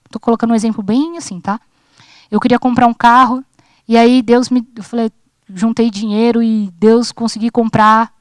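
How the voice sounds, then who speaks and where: Her high-pitched voice is captured with no room sound as she, a woman in her thirties, gives a casual sermon at a church youth service. She jokes and chats, performing her personal talks with God.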